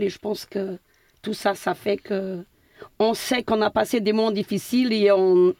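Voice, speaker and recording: A woman's voice: mid-range voice, vocal fry, dark tone, no echo. A middle-aged woman from Portugal, a building caretaker answering interview questions hesitantly with many fillers and restarts.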